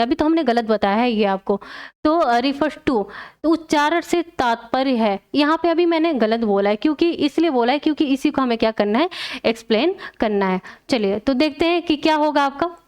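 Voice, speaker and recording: A woman teacher explaining exam questions step by step, checking in often with her class. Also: sits high.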